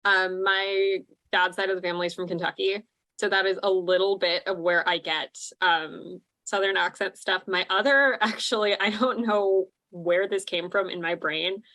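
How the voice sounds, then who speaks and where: A woman's voice: mid-range voice, fairly even intonation, normal speed, bright, forceful tone. A woman, a musical theatre actor, chatting casually on a cast panel and giggling often between her thoughts. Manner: chatty and giggly, with many fillers. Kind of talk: casual chat.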